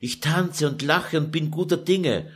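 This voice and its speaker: A man's voice: measured pace, slightly rough. A man reading a German audiobook, voicing a young noblewoman who is weary and sad. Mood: plaintive. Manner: high plaintive lament.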